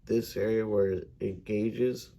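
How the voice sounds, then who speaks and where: An American man, a gunsmithing student, giving an unhurried instructional demonstration with frequent hesitations. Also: on the low side, steady tone, creaky, warm tone, a little hiss or hum.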